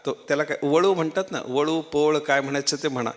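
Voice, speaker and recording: A male preacher giving a devotional sermon, weaving stories and repeating key phrases. His voice sits slightly high for a man, and he often turns to the listeners with rhetorical questions. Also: fast talker. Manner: repeats phrases, acts out quotes, asks the audience rhetorical questions. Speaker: religious preacher.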